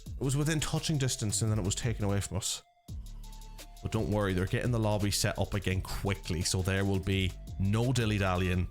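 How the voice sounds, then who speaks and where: An Irish man casting and running a live esports stream, chatting and joking with viewers in a lively way over faint background music. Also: fairly low pitch, fairly quick. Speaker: esports caster and organiser.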